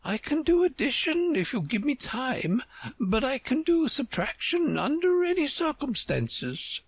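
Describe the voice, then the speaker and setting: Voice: high-pitched, sing-song, a little slow, dry recording, pitched above the performer's own voice, heavily acted. A reader voicing a timid, muddled, kindly chess queen, a woman with a nervous, rambling way of talking. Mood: confiding.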